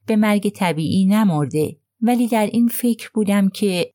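A woman voicing a plain, earnest young male mechanic who speaks haltingly and apologetically, groping for words. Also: mid-range voice, mellow, no room sound, studio quality, close to an everyday voice.

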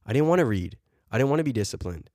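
A man's voice: mid-range voice, very animated, fast talker, darkish tone, no room sound, studio quality. A man co-hosting a podcast in casual chat, preaching with fired-up energy and dropping bro and man between points. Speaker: podcast co-host.

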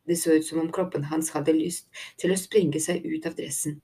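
A woman narrates a children's story in a steady, even reading voice. Her tone sits a little low and sounds dark and mellow, with a soft husky grain. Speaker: audiobook narrator. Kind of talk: scripted narration.

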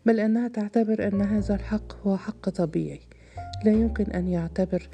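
A woman voicing a calm, condescending middle-aged male psychiatrist who speaks in a cool, measured, lecturing way. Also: mid-range voice, highs cut off, faint music behind, close to an everyday voice.

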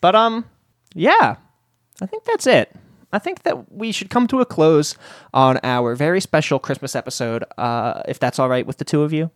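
Giggly, lively podcast host. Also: medium pitch, normal speed, no echo, clean studio sound. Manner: giggly, bouncy, animated talk. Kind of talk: casual movie review chat.

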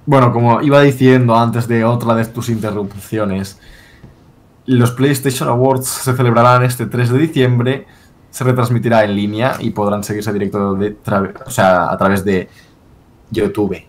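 Spanish guy co-hosting, swears a lot, teases his friend, normal pitch. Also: fairly even intonation. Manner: profane, joking, quick to mock. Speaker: podcast co-host. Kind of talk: casual chat.

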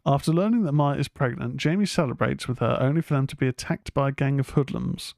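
Gravelly man reviewing films. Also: medium pitch, fast talker, a little mellow, no room sound, clean studio sound. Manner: chatty, rambling, swears freely, many fillers. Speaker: film review podcast host. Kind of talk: casual film review chat.

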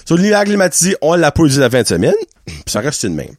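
A man's voice: a little high, fast talker, no room sound, clean studio sound. A young man with a Quebec French accent telling a story casually, acting out the people he quotes. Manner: animated, acts out quotes and sounds.

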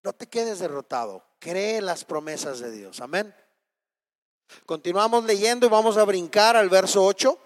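Impassioned high-voiced preacher. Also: male voice, expressive, a little slow, big-room sound. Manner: impassioned, rhetorical questions, emphatic repetition. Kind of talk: sermon.

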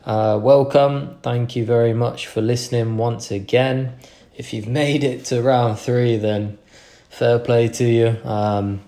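A young podcast host delivers a casual motivational monologue, earnest and rambling, frequently restarting his sentences. His voice is lowish with a warm tone.

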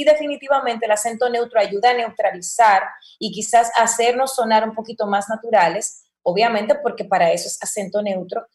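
Dominican woman, echoey room. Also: on the high side. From Dominican Republic. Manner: expressive, acts out example lines in varied voices. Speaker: guest, voice-over mentor. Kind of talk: casual interview talk.

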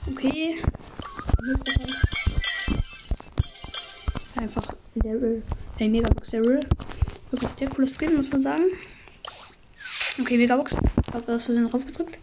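A slightly hoarse woman with a fairly high voice runs through upbeat gameplay commentary, rattling off counts and rewards in quick bursts. The audio is dull and lo-fi, with game music playing clearly behind her. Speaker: gaming channel host.

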